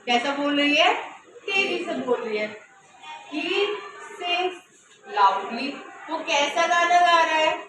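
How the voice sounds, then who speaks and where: High-voiced woman teaching grammar in an echoey room. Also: lively intonation, takes it slowly. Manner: repeats questions and answers them herself. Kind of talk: classroom grammar lesson. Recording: echoey room from far off with noise.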